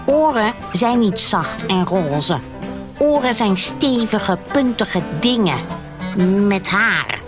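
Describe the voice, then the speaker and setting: A woman's voice: mid-range voice, very animated, slow pace, music in the background, pitched above the performer's own voice. A woman voicing a sly, scheming male fox in a children's storybook, sneering and bossy. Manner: sneering, commanding.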